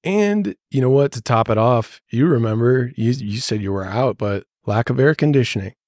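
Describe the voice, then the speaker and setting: A man's voice: medium pitch, animated, moderate pace, a little mellow, no room sound, clean studio sound. A man co-hosting a podcast, telling a story in casual chat and laughing often. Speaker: podcast co-host.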